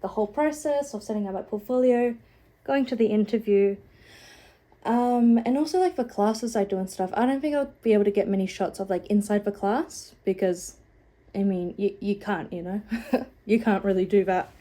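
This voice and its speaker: Young woman, nasal, congested, sniffly, rambling casual chat, mellow tone, phone recording. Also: mid-range voice, moderate pace. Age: young adult. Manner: rambling, many "like"s, self-deprecating. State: sniffling, a bit out of breath. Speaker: art vlogger.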